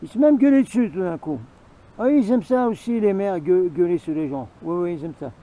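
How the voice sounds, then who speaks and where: A man's voice: sits high, lively intonation, a little fast, narrow, tinny audio. A man telling a rambling, repetitive story to camera, breaking into asides with himself, with faint noise behind him. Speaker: vlogger. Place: outdoors in the mountains.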